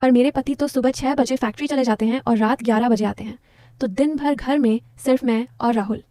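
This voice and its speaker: A woman's voice: a little high, dark tone, dry recording, studio quality. A woman narrating a first-person story in an intimate, confiding way, talking straight to her listeners.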